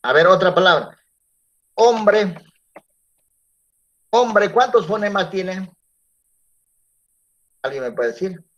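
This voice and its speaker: A man's voice: high-pitched, animated, slow, pauses often. A male teacher giving a classroom lecture, often checking in with his students through tag questions. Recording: dull lo-fi classroom recording.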